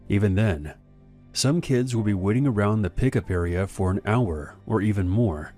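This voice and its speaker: A man reading first-person horror stories as scripted narration, in a measured, even manner. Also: low-pitched.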